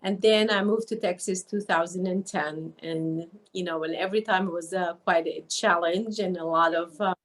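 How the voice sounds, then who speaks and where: A woman's voice: on the low side, steady tone, normal speed, hardly any pauses. Older woman, chatty guest. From Egypt. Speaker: guest, nurse and wellness coach. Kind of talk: casual interview talk.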